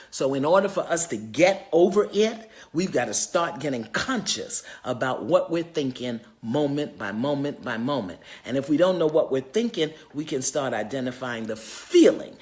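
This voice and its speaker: On a live video, an older author and spiritual teacher chats in a lively, casual way and welcomes viewers by name. Her voice is very deep.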